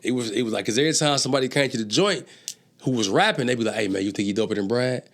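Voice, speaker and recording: Talking at a racing pace with a medium pitch, this man is a rapper and entrepreneur appearing as a guest in a casual chat. His storytelling is full of profane street slang, and excitement makes him stammer as he restarts.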